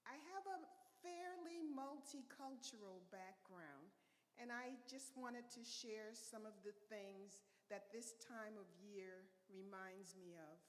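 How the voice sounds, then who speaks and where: A woman from Honduras speaks slowly and reflectively as she shares stories with a church congregation. Her voice sits at a middle pitch and carries a long reverb from the hall. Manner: reflective, storytelling, unhurried. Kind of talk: personal talk to a congregation.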